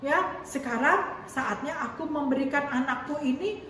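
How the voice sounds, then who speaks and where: A woman's voice: high voice, moderate pace, a bit bright. A tearful pleading mother, as a woman puts her on. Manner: earnest, pleading, on the verge of tears. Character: tearful pleading young mother praying for a child. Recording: very echoey room, distant mic, faint noise.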